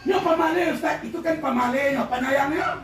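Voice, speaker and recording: A man with a Minangkabau accent giving a lively religious talk at a school event, quizzing the audience and often shouting and laughing. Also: extremely high pitch, a little fast, soft background music. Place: large indoor hall with an audience. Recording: echoey hall, far from the mic, with a crowd and noise.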